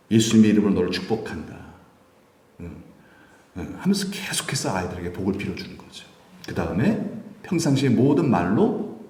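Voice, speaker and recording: A man's voice: lowish voice, darkish tone. A male pastor preaching a Sunday sermon, asking his congregation questions and answering them himself. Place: church sanctuary. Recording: echoey church from a distance.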